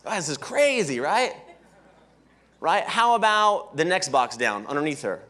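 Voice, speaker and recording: A man giving a live motivational training talk at a conference, energetic, often asking "right?" and throwing questions to the audience. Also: on the high side, unhurried. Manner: energetic, keeps checking in with "right?". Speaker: sales leadership trainer. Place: conference hall, indoors.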